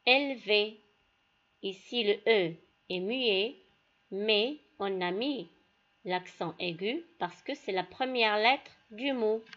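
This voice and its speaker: A woman teacher giving a classroom lesson, speaking deliberately and addressing her pupils directly. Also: mid-range voice, a bit bright, lo-fi sound. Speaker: primary school teacher.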